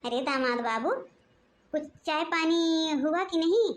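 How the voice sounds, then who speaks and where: A woman's voice: very high-pitched, unhurried. A woman voicing a bossy, scolding middle-aged mother-in-law in a cartoon. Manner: commanding, scolding.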